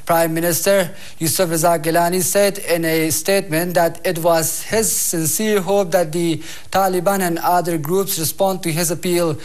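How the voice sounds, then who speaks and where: Young guy reading the news, afghan accent, pretty high voice for a man, studio lapel mic. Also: steady tone, moderate pace, hardly any pauses. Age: young adult. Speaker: news anchor.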